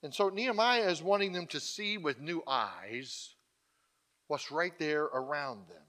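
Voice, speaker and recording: A man's voice: fairly high pitch, expressive, measured pace, sharp tone. A man preaching a conversational sermon. He is emphatic and keeps checking in with the congregation through asides.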